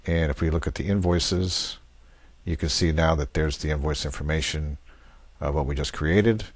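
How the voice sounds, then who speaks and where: A man with an extremely low-pitched voice narrates a screen-recorded software demo at a moderate pace. His walkthrough is unscripted, matter-of-fact, and methodically step by step, with no room sound.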